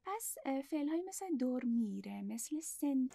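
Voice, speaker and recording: A woman teaching a language lesson, explaining patiently step by step and repeating words slowly. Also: sits high, sing-song, gravelly, warm tone, no echo, studio quality.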